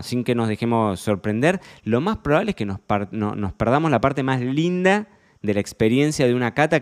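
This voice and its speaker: A man with an Argentine accent, a sommelier hosting a podcast, talking loudly and casually, joking and restarting his sentences. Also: medium pitch. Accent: Argentine Spanish. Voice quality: talks fairly loud. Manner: chatty, joking, lots of fillers and restarts.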